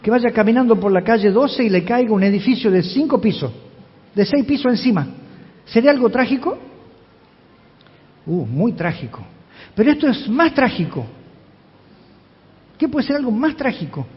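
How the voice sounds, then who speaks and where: A man's voice: very high voice, big pitch swings, normal speed, long pauses. A man, a pastor giving an expository sermon and emphatically asking the congregation questions. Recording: reverberant hall, dull lo-fi sound.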